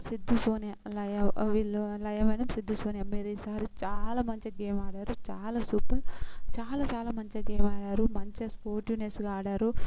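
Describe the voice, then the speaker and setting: A woman's voice: medium pitch, warm tone. A woman reviewing a reality show in a casual, chatty way, acting out quoted lines with rising emphasis. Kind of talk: casual recap commentary. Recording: dull lo-fi audio with clear noise.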